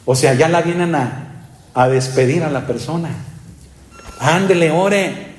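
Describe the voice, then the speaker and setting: High-pitched preaching man. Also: echoey room. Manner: animated preaching, frequent pitch leaps and drawn-out emphatic words; storytelling, peppers speech with rhetorical tags to the congregation. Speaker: pastor. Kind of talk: sermon. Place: church.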